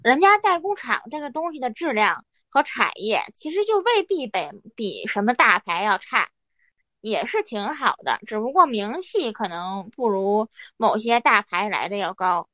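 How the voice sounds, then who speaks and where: Lady co-host asking questions, pitch jumps all over, pretty dry mic. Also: big pitch swings, normal speed, a bit bright, no echo. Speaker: podcast co-host. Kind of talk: casual chat.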